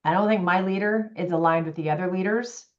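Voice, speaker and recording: A woman executive coach talking in a podcast conversation, animated and acting out quoted voices. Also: fairly low pitch, fairly quick. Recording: dull lo-fi audio.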